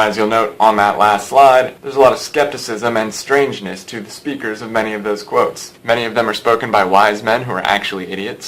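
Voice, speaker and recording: A man's voice: medium pitch, rough recording. Sardonic man teaching a lesson. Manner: dry, sarcastic asides; lively, shifting pace and emphasis. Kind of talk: recorded lecture.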